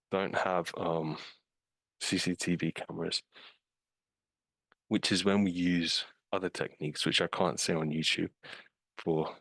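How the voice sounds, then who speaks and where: This deep, fairly bright British male voice has some vocal fry and comes from a low-quality recording with no room sound. He's a scam investigator presenting a case casually with slides in a webinar over video call, speaking informally with fillers such as "um" and "like".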